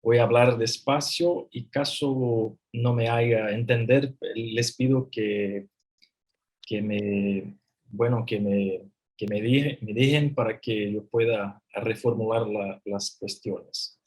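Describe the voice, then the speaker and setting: A man, in Portuguese, poses a scholarly question. His delivery is very slow and a little rough-edged. He hesitates often and repeats small words as he builds each phrase. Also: lowish voice, steady tone, darkish tone. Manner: halting, searching for words, with repetitions. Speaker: audience member asking a question. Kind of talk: academic question from the floor.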